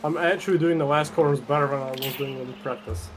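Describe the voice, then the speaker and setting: Man, somewhat high voice, joking and chatty, sim racing driver, noisy voice chat. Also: steady tone, fast. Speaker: sim racing driver streaming a team endurance race. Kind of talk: casual voice-chat banter while driving. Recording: noisy game-audio background.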